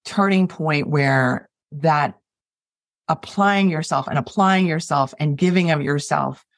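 A woman's voice: sits low, takes it slowly, no room sound, clean studio sound. A woman hosting an interview who responds with affirming, encouraging remarks and easy laughter. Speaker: interviewer, host. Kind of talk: conversational interview.

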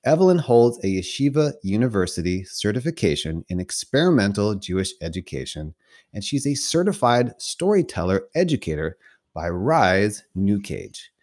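A man's voice: on the low side, big pitch swings, normal speed, darkish tone. A man hosting an interview podcast, introducing his guest like a showman and then asking questions. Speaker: podcast host.

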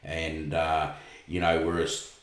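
Older man, low-pitched, halting, repeated words, casual conversation. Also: completely flat delivery, echoey room.

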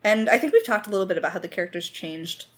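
A woman who is the lead writer and a voice actor of an audio drama chats casually in a creator Q&A. Her medium-pitched voice is animated and rapid-fire, and she rambles in slangy speech, effusive and playfully dramatic.

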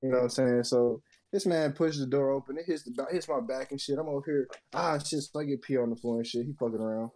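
A man's voice: mid-range voice, fast, few pauses. Slangy, profane young man telling a story. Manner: slangy, profane, animated storytelling with many fillers. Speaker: podcast co-host. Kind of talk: casual storytelling chat.

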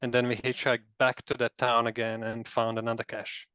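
A man's voice: medium pitch, completely flat delivery, brisk, bright, forceful tone, clean tone, dry recording, dull audio. A man from Latvia telling a story in a casual interview, rambling with many fillers and restarts. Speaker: guest.

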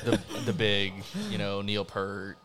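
A man speaks in a lowish, very even voice as a band's drummer being interviewed. His talk is casual and slangy, with some swearing. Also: slow pace, crowd noise. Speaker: band drummer, podcast guest. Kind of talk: casual chat.

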